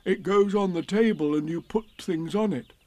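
Man voicing mild, puzzled bear Pooh, raised pitch. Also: moderate pace, mellow, dry recording, close to an everyday voice. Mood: earnest, mild. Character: mild, polite, slightly puzzled male toy bear. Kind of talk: children's storybook character voice.

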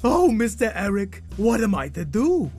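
A man's voice: high-pitched, huge pitch swings, moderate pace, darkish tone, soft background music, voice pushed up, full character voice. A man voicing a worried giant crocodilian monster in a storybook tale. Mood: fretful. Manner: worried, pleading. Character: fretful giant crocodilian trash-eating monster, male.

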